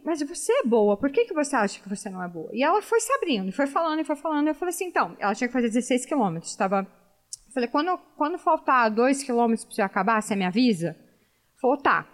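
A woman with a high voice tells a story in a relaxed talk. She acts out the voices of the people in it and keeps an animated pace. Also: fast talker. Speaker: former professional triathlete guest. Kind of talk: casual storytelling chat.

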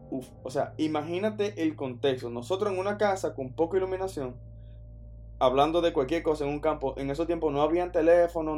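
A man from the Dominican Republic with a Dominican accent, casually telling a personal story in an animated, slangy way, often restarting his sentences. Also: on the high side. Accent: Dominican Spanish. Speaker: podcast storyteller.

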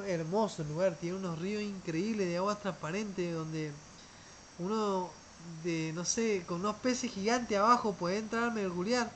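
A man's voice: sits high, a bit bright, slight background noise, low-quality recording. A man tells travel stories casually, rambling, often restarting words and trailing off. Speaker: traveler telling a story.

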